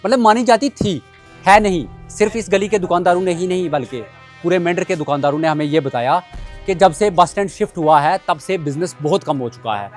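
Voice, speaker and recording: Man, street reporter, higher pitch, earnest, outdoor market lane, faint music behind. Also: brisk. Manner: earnest appeals to viewers.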